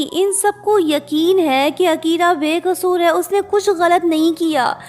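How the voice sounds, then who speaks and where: High-voiced woman recapping a drama. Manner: conversational, mixes English words into Hindi. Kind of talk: casual storytelling narration. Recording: reverberant with background music.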